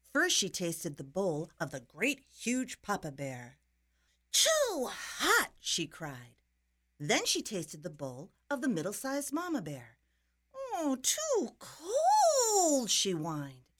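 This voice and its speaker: Slow, sing-song woman storyteller. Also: mid-range voice. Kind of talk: bedtime storybook narration.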